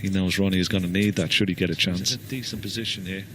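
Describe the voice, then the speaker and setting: A man giving hushed, low-key live snooker commentary in a measured, analytical and understated way. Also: fairly even intonation, a crowd in the background. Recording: noisy live broadcast with clicks and ambience.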